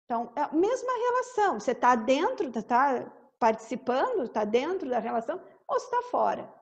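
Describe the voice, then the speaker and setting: A woman teaching English through a song, explaining in Portuguese and slowly repeating English words and lyrics. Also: high-pitched, sing-song, creaky, lo-fi sound. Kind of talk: song-based English lesson.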